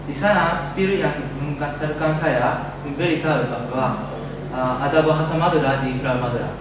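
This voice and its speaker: A young man with a Japanese accent delivers a student presentation in a learned language, speaking carefully as a foreigner. He is picked up from a distance in a heavily echoing room, with loud noise throughout. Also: fairly high pitch, fairly even intonation, moderate pace. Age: young adult. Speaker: exchange student giving a presentation. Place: echoey indoor room.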